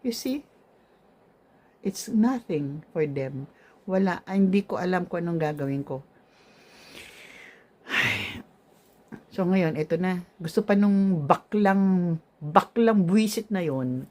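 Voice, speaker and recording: Low-voiced woman telling a vlog story. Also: slow pace, pauses often. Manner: animated, indignant retelling with exclamations. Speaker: vlogger. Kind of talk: casual storytime.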